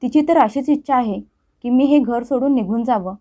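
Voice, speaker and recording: Brief: scheming sister, read by a woman, defensive and self-pitying, high, mellow voice. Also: moderate pace, close to an everyday voice. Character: scheming sister who fakes tears.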